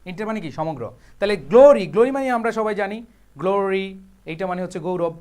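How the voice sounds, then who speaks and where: A man's voice: sits high, animated, fairly quick, a little mellow. A young man with a colloquial Bangladeshi Bengali accent, teaching an English text line by line and joking with his students. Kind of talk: online exam-prep lesson.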